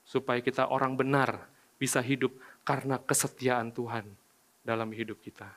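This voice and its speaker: A young man preaching a casual sermon to a youth service, animated, swinging from loud to hushed. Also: mid-range voice, normal speed.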